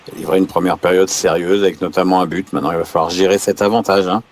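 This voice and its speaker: Male football pundit, analytical sports commentary, lowish pitch, rapid delivery. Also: level tone, darkish tone.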